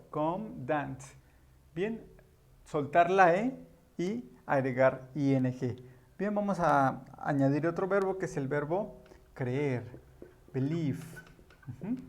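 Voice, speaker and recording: Slow, patient male grammar teacher. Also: fairly high pitch. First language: Spanish. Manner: patient, repeats key words, many "ujú" and "ajá" fillers. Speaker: English teacher. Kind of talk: explaining grammar at a board.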